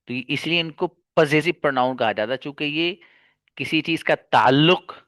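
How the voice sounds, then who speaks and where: A medium-pitched, slightly bright male voice with no echo delivers an English grammar lesson. He tends to repeat key terms and ask rhetorical questions, affectionately addressing his listeners as "babu."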